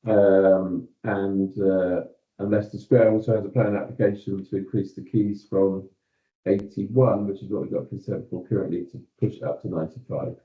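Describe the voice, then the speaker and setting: A low-voiced British man speaks over a video call, and his voice comes through dull and roomy. He is a company executive giving staff an update, steady and measured, and he pads his points with ums and you-knows.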